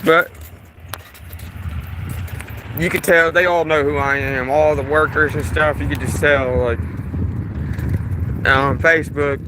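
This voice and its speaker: A man with a fairly high, fairly even voice vlogs outdoors on a hot day, sweating as he films police in his town. He speaks slowly with frequent pauses in a casual, repetitive ramble full of restarts, over a noisy background.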